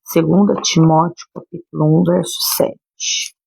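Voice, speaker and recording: Gravelly-voiced Brazilian woman preaching. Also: low voice, steady tone, a little slow, darkish tone, dry recording, rough recording. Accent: Brazilian Portuguese. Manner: earnest, emphatic preaching with direct address to listeners. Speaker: pastor. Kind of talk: livestreamed sermon. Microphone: phone or webcam livestream.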